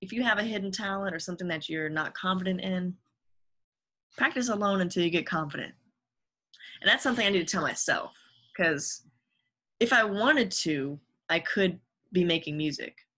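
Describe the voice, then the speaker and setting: A woman's voice: on the low side, moderate pace, sharp tone. A young adult woman, a guest on a podcast, talking casually and earnestly about her career and giving upbeat advice. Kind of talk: casual interview chat.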